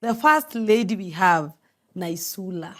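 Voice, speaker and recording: A woman's voice: medium pitch, a little slow, a bit bright. A young woman with a Kenyan accent moderating a casual panel discussion, informal and switching between languages. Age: young adult. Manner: informal, code-switches between English and Swahili.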